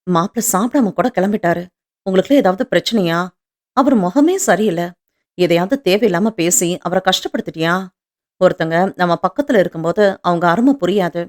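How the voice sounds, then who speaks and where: A woman's voice: fairly low pitch, animated, fairly quick, darkish tone, close to an everyday voice. Worried middle-aged mother, voiced by a woman reader, concerned, advising.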